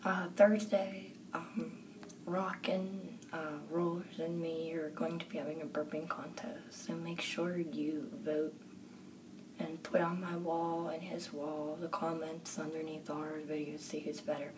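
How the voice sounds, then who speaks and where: Distant, noisy recording of a flat-toned woman. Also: low-pitched, measured pace. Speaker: amateur video maker addressing followers. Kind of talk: casual chat to camera. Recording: distant mic, clear background noise.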